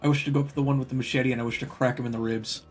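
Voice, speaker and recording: A man talks quickly as a player in a tabletop role-playing game. He declares his actions casually and bluntly, with faint music behind. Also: mid-range voice, fairly even intonation, breathy edge.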